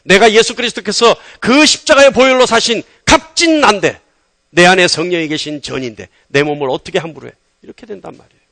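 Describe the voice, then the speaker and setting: A man with a high voice preaches a sermon with fervent emphasis, stacking one rhetorical question on another. He swings between ringing loud lines and hushed ones, and the sound is dry and close with little room echo. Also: a little fast. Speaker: pastor.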